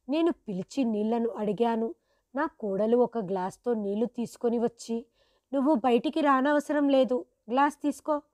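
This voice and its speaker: A woman narrating, in the first person, a sad family story as an old father, in a steady, sorrowful storytelling manner. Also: fairly high pitch, dry recording.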